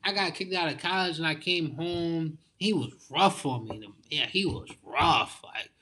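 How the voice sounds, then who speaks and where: In a relaxed, sincere chat, a young man appearing as a guest speaks a bit high for a man, his tone bright and forceful. Slang fills his speech, and he stops and restarts as he sorts out each idea. Slight background noise is audible.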